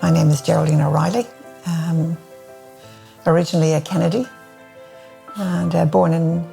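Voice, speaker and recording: A middle-aged woman from Ireland with an Irish accent, recalling her life gently and with some hesitation in a testimony interview. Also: low-pitched, flat delivery, moderate pace, gravelly, soft background music. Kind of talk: personal testimony.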